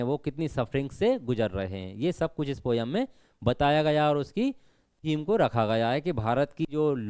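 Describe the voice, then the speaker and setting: A man teaching an exam-prep lesson. He asks questions and answers them himself, tells students to memorize, and reads verse lines slowly. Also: medium pitch, darkish tone, clean tone, dry recording, clean studio sound. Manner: explains step by step, asks and answers his own questions; stresses rote learning with repeated reminders.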